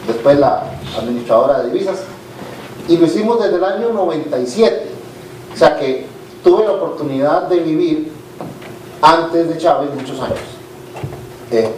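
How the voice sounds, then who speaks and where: Man, middle-aged, Costa Rican accent, conference talk, candid and informal, fillers, fairly high voice, echoey hall. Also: darkish tone. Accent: Costa Rican Spanish. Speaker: business leader giving a conference talk. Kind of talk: conversational speech to an audience. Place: conference hall with a live audience. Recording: echoey hall, distant mic, faint noise.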